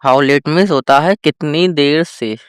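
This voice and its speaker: A male teacher giving a vocabulary lesson, addressing viewers as friends and slowly drawing out each example sentence. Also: fairly high pitch, clear, resonant tone, no room sound, clean studio sound. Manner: slow, drawn-out example sentences. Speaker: English teacher.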